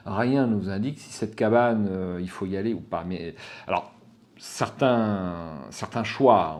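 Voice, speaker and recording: A man with a fairly low, slightly mellow voice hosts his channel, casually reviewing a gamebook. Frank and opinionated, he hesitates with plenty of fillers and restarts, muttering curses under his breath whenever he loses his thread.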